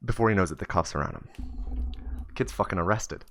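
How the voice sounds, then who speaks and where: A man's voice: sits low, quick pace, a bit bright. A man streamer telling a comic story in a loose, profane, rambling way.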